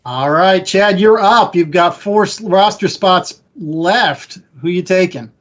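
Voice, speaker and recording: A man's voice: high voice, slow. A man hosting a podcast, running a draft auction in a casual, jokey auctioneer patter. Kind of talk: casual group chat. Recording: lo-fi with background noise.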